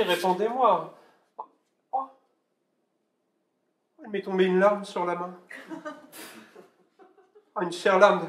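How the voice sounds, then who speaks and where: Male actor as a fretful romantic lover, stuttering, over-the-top pleading, a touch high, echoey room, distant mic. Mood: impassioned. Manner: stammering, effusive, pleading. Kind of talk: stage comedy acting. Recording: echoey room from far off, faint hiss.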